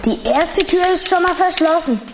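An actress playing a curious, excited young child explorer in a children's audio drama, with an inquisitive manner. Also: female voice, very high voice, normal speed. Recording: long cavernous reverb, faint noise.

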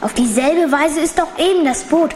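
An actress playing a curious, excited young child explorer in a children's audio drama, with an inquisitive manner. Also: female voice, high voice, normal speed, lightly acted. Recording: long cavernous reverb, faint noise.

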